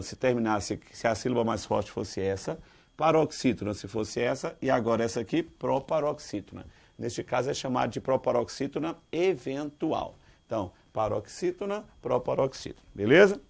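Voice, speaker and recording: A Brazilian man teaching Portuguese grammar for an exam, lively, quizzing his students with questions and calling them dear. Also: mid-range voice, vocal fry. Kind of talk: exam-prep grammar lesson.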